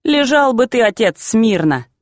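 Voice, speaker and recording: A woman voicing a gentle, soft-spoken old grandmother in a storybook reading, speaking in homely words. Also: a little high, very animated, measured pace, no echo, studio quality. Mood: soothing. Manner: soft, pleading, homely speech.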